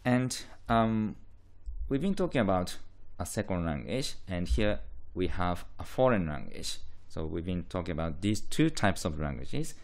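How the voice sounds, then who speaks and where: A university linguistics lecturer with a deep voice and Japanese accent, a native Japanese speaker, is very animated though a little slow as he explains terms. He hesitantly repeats and restates the key phrases.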